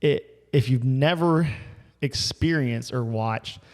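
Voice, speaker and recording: Casual male co-host, excitable storyteller, average pitch, reverberant room. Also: takes it slowly. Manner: excited, rambling storytelling with many fillers. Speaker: podcast co-host telling a hunting story. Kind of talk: casual chat.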